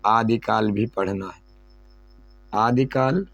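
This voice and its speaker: A man's voice: fairly low pitch, slow, creaky, a bit bright, dry recording, muffled recording. A male teacher going over an exam syllabus, repeating key points and asking questions he then answers himself. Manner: repetitive, asks and answers own questions.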